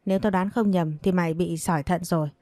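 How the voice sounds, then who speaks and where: A woman's voice: lowish voice, steady tone, fast talker, mellow, no echo, lightly acted. A woman voicing a bossy young master who is a doctor, talking bluntly and giving orders. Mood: stern. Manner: blunt, commanding.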